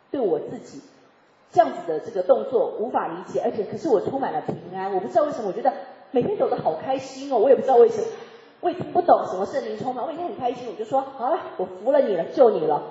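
A woman giving a personal faith testimony in church, telling her story in a lively way and often laughing. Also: mid-range voice. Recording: echoey hall, dull sound.

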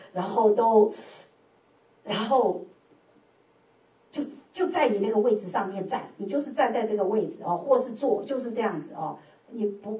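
Animated woman preaching in a roomy hall. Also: mid-range voice. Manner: animated, swings from loud exclamations to hushed prayer, laughs often. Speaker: church speaker giving testimony. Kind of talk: sermon testimony. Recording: roomy, distant and dull church sound.

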